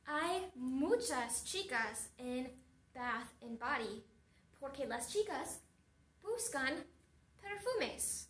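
Slow high-voiced woman teaching a class. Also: lively intonation, a bit bright, echoey room, distant mic. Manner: slow and deliberate, asking the class questions and recapping. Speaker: Spanish teacher. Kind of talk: slow storytelling lesson for a class.

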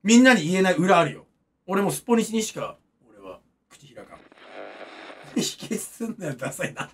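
A man's voice: sits high, sing-song, normal speed, fairly bright tone, slight background noise. A man in his thirties, a streamer, rambling and joking as he reacts to chat comments in a casual stream. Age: 30s.

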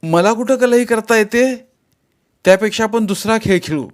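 A man's voice: high-pitched, normal speed, pitched above the performer's own voice, natural voice. Man doing an eager young village boy. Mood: coaxing. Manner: eager, coaxing questions.

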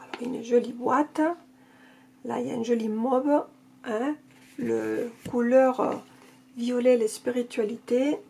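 A woman's voice: a little high, steady tone, slow, creaky, warm tone, slight background noise. Gushing woman with a non-native accent. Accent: non-native French accent. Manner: gushing, repeats praise. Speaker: oracle card reviewer. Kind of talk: casual unboxing chat.

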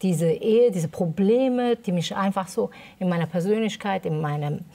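A woman's voice: mid-range voice, normal speed, dark tone. A woman giving a personal testimony in an interview, hesitant and emotional, with many fillers. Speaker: interview guest.

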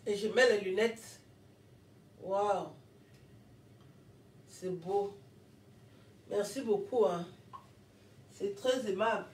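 A woman's voice: mid-range voice, very slow, pauses often, distant mic, a little hiss or hum. A woman vlogging casually as she opens gifts, exclaiming often and thanking over and over. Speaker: vlogger and comedian. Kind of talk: casual unboxing vlog. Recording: roomy echo, voice away from the mic.

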